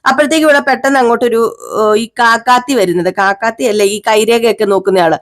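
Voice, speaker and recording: A woman's voice: on the high side, steady tone, fast talker. A woman casually retelling a television serial episode in a chatty, confiding way. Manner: chatty, confiding, addresses listeners warmly. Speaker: television serial recap narrator.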